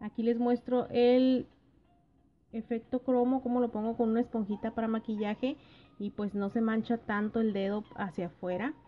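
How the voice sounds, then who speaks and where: A woman narrating a nail art tutorial, explaining each step gently and plainly, with little hesitations and soft diminutive words. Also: on the high side, level tone, normal speed, slight background noise. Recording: dull lo-fi voice-over with faint music.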